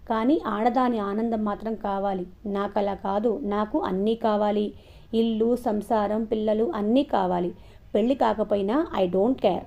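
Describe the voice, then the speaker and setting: A woman's voice: mid-range voice, natural voice. A woman voicing a defiant, taunting young woman who argues with her lover, in a dull lo-fi recording.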